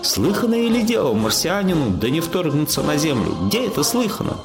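A man voicing an elderly, blustering Martian father-in-law who shouts his indignation in high bursts. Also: sing-song, moderate pace, music in the background. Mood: outraged.

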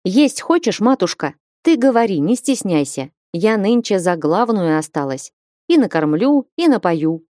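A woman voicing a bold, strapping young northern warrior woman who speaks loudly and bluntly in an audiobook. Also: mid-range voice, sing-song, measured pace, dry recording, clean studio sound. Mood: friendly. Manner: loud, hearty and blunt.

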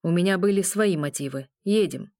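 A stern pack Alpha of few words, answering in short clipped lines, as a woman reads him. The voice stays low and plain. It sounds dry and close in an audiobook. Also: moderate pace, a little mellow, dry recording, lightly acted. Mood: curt. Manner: curt, clipped. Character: terse stern older man, pack Alpha and uncle.

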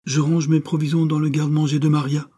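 A man's voice: fairly high pitch, flat delivery, quick pace, mellow, slightly rough, pitched above the performer's own voice. A man reading a novel aloud, voicing an eager young sailor who has become a writer. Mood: tender. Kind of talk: audiobook character reading.

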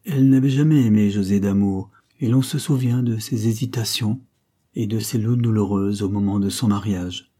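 Guy reading an audiobook, measured storytelling, deep husky voice. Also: warm tone. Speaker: audiobook narrator. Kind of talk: scripted narration.

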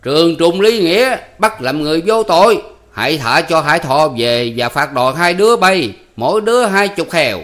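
A man's voice: mid-range voice, expressive, normal speed, a bit bright, voice pushed up, close to an everyday voice. A man voicing an old male theatre troupe manager who is jovial and commanding, with a theatrical, declaiming way of talking. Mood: stagey bellowing. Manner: theatrical, bellowing stage declamation.

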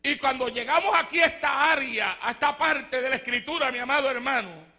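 High gravelly fervent preacher. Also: male voice, fairly quick. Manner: fervent preaching, swinging from shouts to hushed tones; bursts into speaking in tongues. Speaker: pastor. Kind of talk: Pentecostal sermon. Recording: dull lo-fi church recording.

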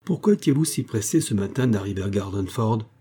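A sarcastic, self-satisfied police detective, read by a man in an audiobook, his voice husky and dark. He talks down with mocking assurance and lifts his pitch to jeer. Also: expressive, a little fast. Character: sarcastic, boastful middle-aged male police detective.

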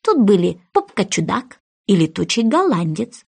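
A woman reading a children's story aloud as an animated, expressive narrator. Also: medium pitch, normal speed, vocal fry, slightly rough. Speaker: storybook reader.

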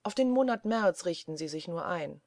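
A woman's voice: fairly low pitch, lively intonation, normal speed, darkish tone, dry recording, clean studio sound. A woman doing a cheerful young traveler.

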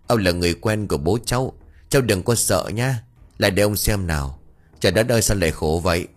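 A man playing a kindly, stubborn village man near fifty who coaxes a child gently and bickers with his wife. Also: on the low side, brisk, lightly acted. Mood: coaxing.

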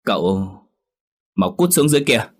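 Một người đàn ông lồng giọng cậu chủ trẻ nhà giàu, quát nạt, ra lệnh gắt. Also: male voice, lowish voice, animated, fast. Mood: stern. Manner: sharp, commanding. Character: young master, philandering rich son.

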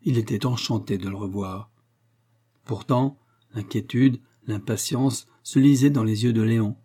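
A man narrating a novel as an audiobook, steady and measured. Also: on the low side. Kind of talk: novel reading.

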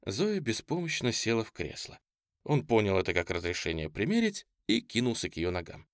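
A man narrating a novel as an audiobook in a measured, expressive reading. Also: on the low side, no room sound, clean studio sound. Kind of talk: scripted literary narration.

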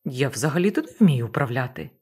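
A woman voicing a sluggish young male deckhand who talks in a slow, unbothered drawl. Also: extremely low pitch, big pitch swings, darkish tone, slightly rough, exaggerated voice. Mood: lazy.

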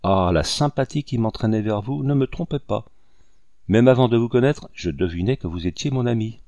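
A man's voice: mid-range voice, animated, normal speed, warm tone, no echo, natural voice. A man reading the lines of a young noblewoman taken captive, in an earnest, emotional audiobook delivery.

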